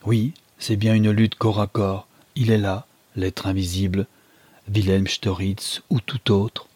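A man narrates a novel in measured, dramatic first person, building tension line by line. His voice sits low with a husky grain. The recording is dry, with no room sound around it. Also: flat delivery, darkish tone, no room sound. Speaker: audiobook reader.

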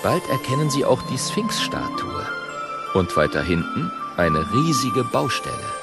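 A man narrating a children's audiobook in an expressive storytelling manner. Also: mid-range voice, measured pace, gravelly, over loud music.

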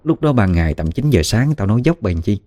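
A man's voice: on the low side, sing-song, a little fast, dark tone. A man voicing a stubborn old rural uncle, speaking bluntly and insistently.

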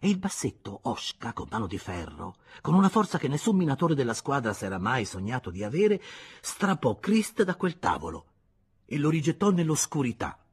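Gravelly, husky male literary reader. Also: medium pitch, moderate pace. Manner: expressive, shifting between hushed and loud. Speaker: audiobook reader. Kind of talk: dramatic literary reading.

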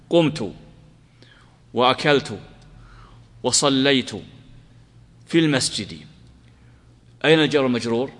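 A man teaching a classical grammar lesson, asking his students questions, answering them himself, and slowly repeating his examples. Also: medium pitch, fairly bright tone, big-room sound. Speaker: Islamic scholar teaching grammar.

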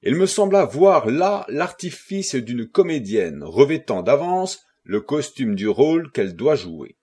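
A man narrating a classic novel for an audiobook, in a measured and expressive reading style. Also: mid-range voice, slightly rough. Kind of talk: scripted narration.

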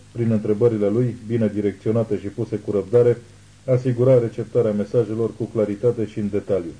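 A man narrating an audiobook thriller in a measured, ominous reading. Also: lowish voice, warm tone, muffled recording. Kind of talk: scripted narration.

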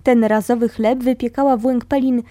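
A woman reading a memoir aloud, telling it in a calm, steady way. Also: on the high side, normal speed, no echo. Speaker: reader of a memoir.

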